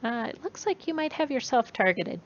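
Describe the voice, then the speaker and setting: Relaxed woman running a tabletop game. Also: sits high, a little fast. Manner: relaxed, guiding players with fillers. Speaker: game master. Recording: dull lo-fi voice chat with faint noise.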